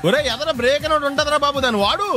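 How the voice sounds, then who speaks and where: An actor playing an excitable young man in a film comedy, grumbling and cracking jokes quickly. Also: very high-pitched, soft background music. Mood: pleading. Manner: quick, whiny wisecracks. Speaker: film comic lead.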